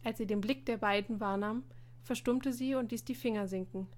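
A woman narrating a story aloud in an even, measured way. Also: fairly high pitch.

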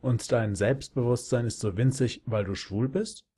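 A man voicing a confident, relaxed teenage boy in an amateur audio drama, speaking in a calm, laid-back way. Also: mid-range voice, moderate pace, husky, close to an everyday voice.

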